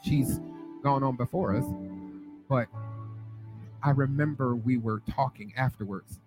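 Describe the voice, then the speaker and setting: A man's voice: mid-range voice, measured pace, music in the background, low-quality recording. A man with a Detroit accent preaching a sermon, leading call-and-response and telling stories. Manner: sings prayer lines, then teaches with call-and-response and storytelling.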